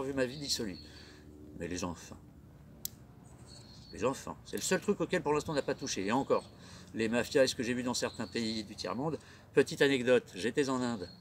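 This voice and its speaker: A man's voice: medium pitch, a little hiss or hum. A middle-aged man hosting his own comedy web show, rambling through a theatrical monologue full of rhetorical questions. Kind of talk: casual monologue.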